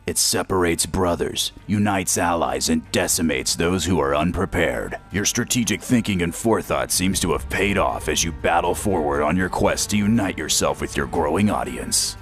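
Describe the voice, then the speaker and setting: A man with a very low, booming voice gives a theatrical, grandiose announcement. His delivery is dramatic and stately. Music plays clearly underneath him. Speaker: guest announcer.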